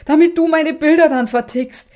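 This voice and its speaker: A woman reading the part of a furious, unhinged artist who shouts and shrieks in bitter rage. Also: high-pitched, normal speed, pitched above the performer's own voice, close to an everyday voice. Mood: shrieking.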